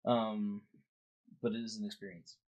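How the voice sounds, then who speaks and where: A young man narrating as game master of a tabletop game, relaxed and rambling, with many fillers. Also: fairly low pitch, normal speed, poor audio.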